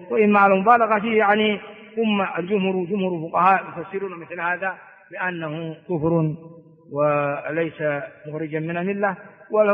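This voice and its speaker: High-voiced man teaching in an echoey hall. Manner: explanatory, repeats phrases for emphasis. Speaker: hadith teacher. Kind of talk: classroom lesson explaining hadith. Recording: echoey hall over a tinny phone-like line.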